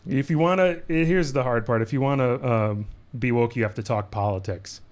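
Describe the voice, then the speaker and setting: Performing stand-up in a comedy club, a man with a mid-range, slightly mellow voice speaks at a moderate pace. He's playful and amused with himself as he works the crowd, and the live recording picks up audience noise.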